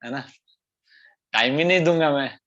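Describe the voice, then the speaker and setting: A man voicing a boastful, gloating male spirit of the dark age in a retold scripture story, speaking in a taunting, boastful way. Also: a little high, moderate pace, voice pushed down, lightly acted. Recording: dull lo-fi sound.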